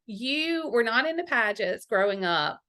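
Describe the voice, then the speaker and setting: A woman in her forties hosting a casual interview, bubbly and quick with questions and laughter. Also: on the high side, very animated, pushed and bright. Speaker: podcast host.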